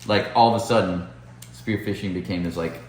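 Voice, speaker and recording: A middle-aged man talking through a sauce in a relaxed, dryly funny way. His voice sits low, and the kitchen gives it a roomy echo with a faint hiss underneath. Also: a little fast. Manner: laid-back, dry humor. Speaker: host's father. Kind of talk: casual storytelling and cooking chat. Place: home kitchen.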